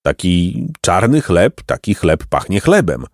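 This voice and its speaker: A man's voice: low-pitched, very animated, a little slow, no room sound, studio quality. A man voicing a plain, puzzled young wanderer in an audiobook, speaking simply and respectfully. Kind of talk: audiobook character reading.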